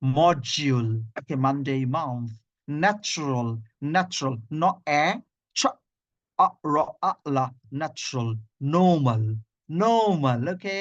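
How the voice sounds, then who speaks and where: A middle-aged man with a Bangladeshi accent, a phonetics lecturer, teaches pronunciation over a video call with no room sound. His fairly high voice has lively intonation as he slowly repeats words in drills and spells out each sound.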